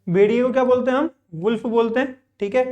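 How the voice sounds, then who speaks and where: A man's voice: very high-pitched, fast talker, mellow. A male teacher giving a classroom vocabulary lesson. He asks his own questions, answers them in a repetitive drill and explains patiently with frequent check-ins. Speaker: English teacher.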